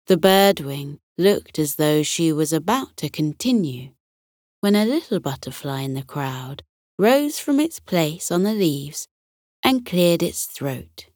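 A woman narrating a bedtime story for children in a soothing, gentle way. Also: on the low side, dry recording, studio quality.

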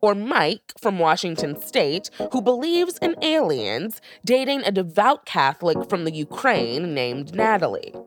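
A woman hosting a podcast, reading a scripted narration in a lively storytelling way. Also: fairly low pitch, measured pace, hardly any pauses, faint music behind. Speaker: podcast host.

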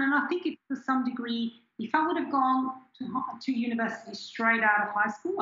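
In a candid interview, a woman in her forties from Switzerland, a scientist and native German speaker, thoughtfully recounts her story and frequently starts sentences over. Her mid-range voice sounds pushed and bright, captured with reverb in lo-fi quality.

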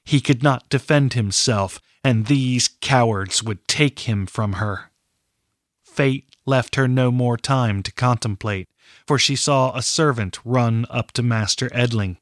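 A man reading a fantasy novel aloud as narrator, in a measured, steady storytelling manner. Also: mid-range voice, no room sound, studio quality. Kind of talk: scripted audiobook narration.

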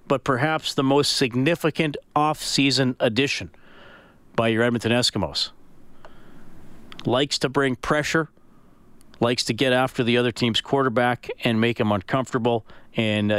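A man's voice: medium pitch, fairly bright tone, clean tone, no echo. A man casually hosting a sports radio show.

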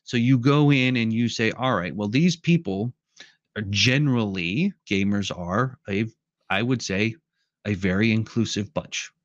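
In a muffled recording with no room sound, a podcast guest speaks in a low voice, a little slowly. He's an animated storyteller in casual conversation, going on at length and performing the quotes he relates.

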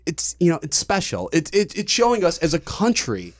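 Deadpan joking man, casual chat. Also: on the high side, normal speed. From Chicago. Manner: deadpan joking, mock earnest. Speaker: podcast guest.

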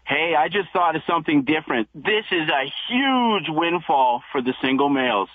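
A man's voice: a little high, lively intonation, moderate pace, dry recording. A man calling in to a talk show on speakerphone, rambling and talking over the hosts. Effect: on speakerphone over a phone line. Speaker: caller. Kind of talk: call-in radio talk. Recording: tinny speakerphone call.

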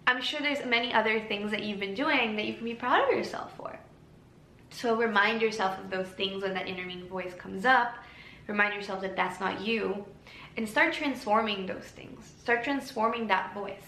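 Woman doing a solo podcast, calm and encouraging, mid pitch, bit of room echo. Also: normal speed. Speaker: podcast host. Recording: echoey room with faint ambient noise.

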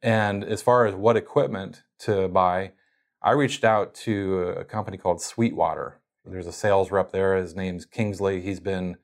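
Speaking in a deep, steady voice at a measured pace, a man appears as an interview guest. He explains casually how he handles his company's podcast, often using fillers and starting over.

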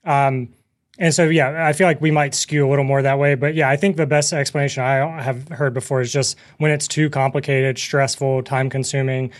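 Halting male co-host, medium pitch. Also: flat delivery. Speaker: podcast co-host. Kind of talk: casual chat.

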